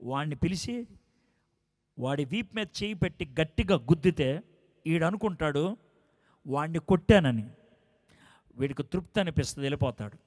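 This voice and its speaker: A man preaching a sermon as a dramatic story, swinging from soft, hushed lines to loud climaxes. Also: on the high side, lively intonation, moderate pace, pauses often. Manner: acts out quoted dialogue in story.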